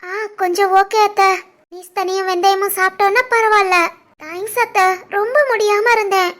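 A woman voicing a meek, ailing young wife in an animated family cartoon, speaking softly and politely with a Tirunelveli Tamil accent. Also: very high voice, moderate pace. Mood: weak. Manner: soft, quiet and polite.

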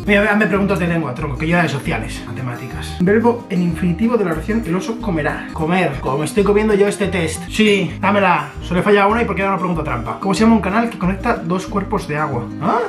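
A man's voice: sits high, lively intonation, fast, few pauses. Joking young Spanish guy in an echoey room. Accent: Spain Spanish. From Spain. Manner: joking, boastful, swears a lot, talks to himself. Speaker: YouTuber. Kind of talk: casual quiz vlog commentary. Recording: echoey room with music behind.

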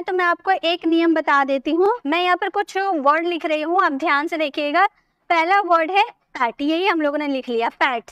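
A woman with a high, light voice teaches a grammar class. She speaks patiently, often drawing words out slowly syllable by syllable, and the recording is close and dry. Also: a bit bright, dry recording.

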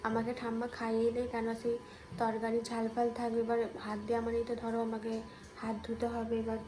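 A woman, a new mother, chatting casually to her viewers as friends in a home vlog, talking softly so she won't wake her baby. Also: fairly high pitch, monotone, quick pace, low-quality recording. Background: background music.

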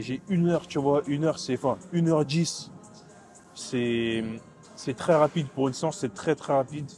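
A young man filming a workout vlog in a gym, talking to the camera in quick, clipped bursts and stumbling over repeated words as he stutters. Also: fairly high pitch, a little mellow. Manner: counts reps aloud while lifting, strained and breathy. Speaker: fitness vlogger. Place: gym, indoors.

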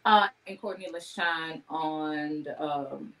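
A woman in her thirties, a wellness business owner, chats casually as a guest on a video call from an indoor room, talking about and promoting her own work. Her voice is low and slow with a fairly bright tone, and the audio quality is poor.

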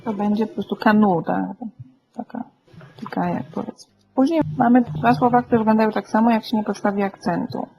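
A woman's voice: mid-range voice, a little fast, gravelly, lo-fi sound, a little hiss or hum. A woman teaching a group lesson, patient and asking the class questions, often checking "tak?" as she explains. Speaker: Greek teacher.

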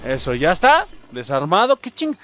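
A young adult man with a Mexican accent giving excitable gameplay commentary, swearing and yelping as he plays. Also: fairly high pitch, moderate pace. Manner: excitable, swearing, yelps and shouts. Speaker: gaming youtuber.

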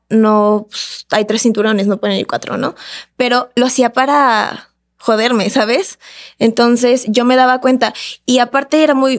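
A woman with a fairly high voice tells a story as a podcast guest. She talks in a casual, animated way and acts out what the other people in her story said.

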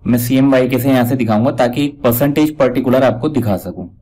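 A man giving a casual step-by-step software tutorial, pointing out each step as he goes. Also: medium pitch, quick pace, poor audio. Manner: talks step by step, repeats "dekhiye" while pointing things out. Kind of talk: casual screen-recorded tutorial.

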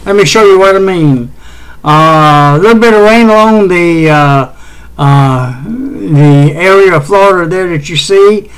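A man's voice: high-pitched, a little slow, smooth, low-quality recording. A middle-aged man with a West Tennessee Southern accent, hosting a casual home weather show, rambling with many fillers and restarts. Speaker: amateur weather show host.

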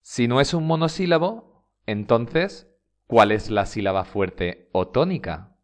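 A man's voice: medium pitch, animated. A man with a Spanish accent from Spain, giving a scripted grammar lesson and stressing each example word. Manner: slow, deliberate, stresses example words. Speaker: Spanish teacher. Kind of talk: scripted instructional narration.

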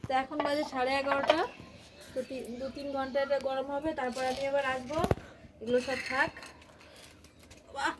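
A hoarse woman vlogging on a hot rooftop, chatting casually with her viewers as friends, recorded on a phone. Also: sits high, little pitch movement, normal speed, long pauses. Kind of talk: casual vlog narration. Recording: phone audio with clear outdoor noise.

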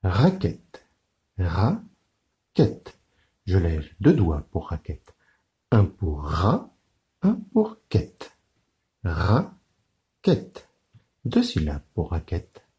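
Slowly and clearly, a man teaches children how to count syllables, using a sing-song teacher's delivery. His low, mellow voice swoops wildly in pitch.

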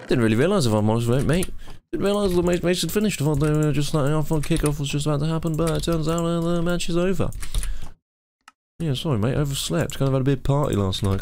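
A man's voice: a little high, quick pace, a little mellow, a little hiss or hum, close to an everyday voice. A man putting on a hungover male sports commentator who partied too hard and rambles sheepish excuses.

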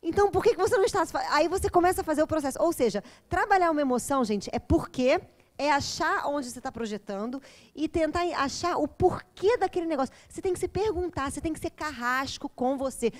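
High-voiced Brazilian woman teaching a class. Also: a little fast. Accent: Brazilian Portuguese. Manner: animated, chatty, often adds "né?" and "gente", acts out dialogues. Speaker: course teacher and therapist. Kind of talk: informal classroom lecture. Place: classroom at a community center.

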